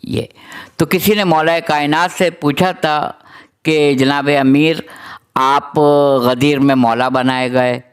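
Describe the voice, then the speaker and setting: Man delivering a sermon, smooth voice. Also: on the high side. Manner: recites long lists of titles in a steady rhythm; explains Arabic terms to listeners. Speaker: religious speaker.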